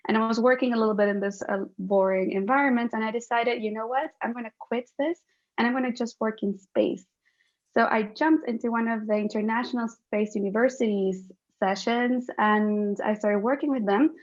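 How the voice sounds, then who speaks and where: A woman from Chile, upbeat and quick to laugh, answering interview questions. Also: fairly high pitch, steady tone. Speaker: guest, lawyer turned space volunteer. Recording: muffled lo-fi call audio.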